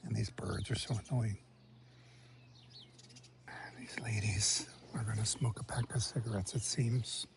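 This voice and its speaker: Speaking in a fairly low, steady voice with vocal fry, this travel vlogger talks a little slowly and pauses often over a noisy background. Out on a village street and a café terrace, he offers casual walking commentary, muttering asides and sometimes whispering.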